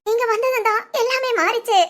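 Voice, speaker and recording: In this spoken storybook tale, an earnest young woman pleads warmly with her adopted brother, as the narrator puts her on. Her voice sits high and bright, and she talks quickly. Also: steady tone. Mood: pleading. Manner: pleading, affectionate, often addressing "anna". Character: young woman, grateful sister figure, earnest.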